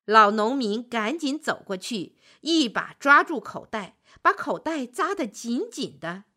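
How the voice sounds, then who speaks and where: A woman narrating a children's story in an expressive, deliberate way. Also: a little high.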